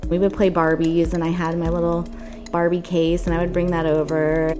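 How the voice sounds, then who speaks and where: A woman's voice: lowish voice, level tone, normal speed, warm tone, faint music behind. An American woman being interviewed, casually telling personal memories.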